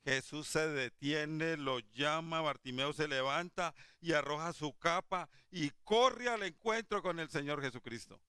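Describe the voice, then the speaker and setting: A man delivers a Sunday sermon in a bright, forceful voice that rings smooth and clear. He swings from fervent, emphatic exhortation to hushed tenderness when quoting Jesus. The sound is dry and close, with no room around it. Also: on the high side, measured pace, few pauses, dry recording. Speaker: lay preacher.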